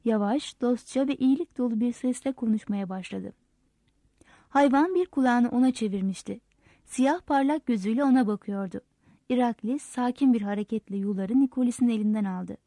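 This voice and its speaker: A woman reads a novel aloud as the narrator, in a steady, measured way. Her voice sits fairly high but has a mellow, soft tone. The sound is close and dry. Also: no echo. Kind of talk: audiobook narration.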